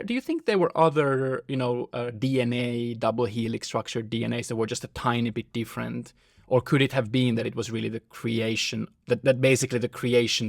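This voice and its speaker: Creaky-voiced man thinking aloud. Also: mid-range voice, no room sound, clean studio sound. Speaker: interviewer. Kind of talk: conversational science interview.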